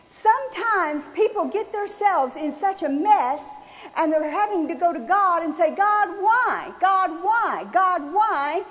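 A woman preaching a sermon, telling a personal story in a folksy, animated way. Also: extremely high pitch. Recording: dull sound with long hall reverb.

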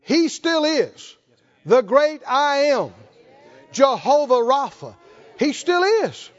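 A man's voice: very high voice, sing-song, slow, lo-fi sound. A male pastor preaching a sermon, emphatic, prompting the congregation with short questions.

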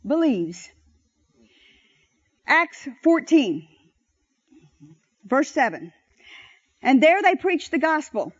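A woman preaches in a high voice, drawing the congregation into call-and-response and slowing down to stress each verse. The recording is dull and lo-fi. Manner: animated, slows down to stress scripture and leads the crowd in repeating lines.

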